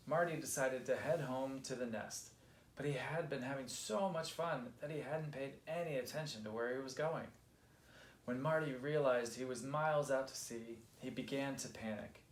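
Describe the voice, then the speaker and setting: A man reading a picture book aloud for children in an expressive, lively way. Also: mid-range voice. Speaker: storybook reader. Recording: roomy echo.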